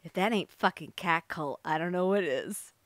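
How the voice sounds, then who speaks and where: A woman's voice: fairly low pitch, normal speed, no echo. An American woman hosting a casual solo podcast, brash, sweary and jokey, her speech slightly lisping and slurred from wearing retainers. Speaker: podcast host.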